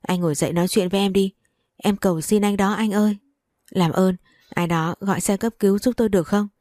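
A woman voicing a frantic young wife in a read-aloud story, pleading in quick, breathless bursts. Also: mid-range voice, steady tone, warm tone, dry recording, studio quality, lightly acted. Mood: desperate pleading.

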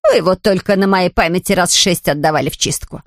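A woman voicing a stern, sharp-tongued housekeeper who speaks curtly. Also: fairly low pitch, quick pace, dry recording, studio quality, close to an everyday voice. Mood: tart. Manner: curt, tart.

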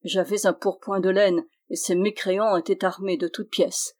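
A woman's voice: mid-range voice, fairly even intonation, normal speed, darkish tone, natural voice. A woman reading an earnest, brooding old squire. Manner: earnest, troubled. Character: loyal middle-aged male squire, brooding.

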